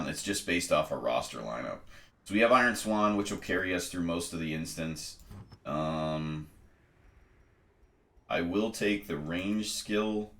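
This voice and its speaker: Walking through a video game step by step, a man with a very low but slightly bright voice hosts a let's play tutorial, filling his careful deliberations with ums. He sounds congested, and his voice rings in a noticeably echoey room.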